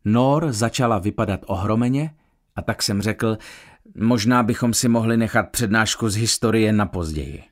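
A man reading a novel aloud as an expressive first-person audiobook narrator. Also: fairly low pitch. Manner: expressive storytelling.

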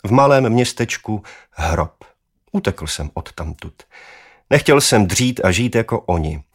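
Man playing a solemn storybook dad, low husky voice, slow careful telling. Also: animated. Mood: serious. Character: earnest father of a young boy, calm and confessing.

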